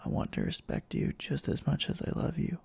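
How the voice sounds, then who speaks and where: In an intimate ASMR roleplay, a man voices a clingy, obsessive boyfriend who is hopelessly in love, his breathy voice often sinking almost to a whisper. He speaks haltingly and tenderly, full of pleading endearments, sounding anxious and apologetic. The acting is light.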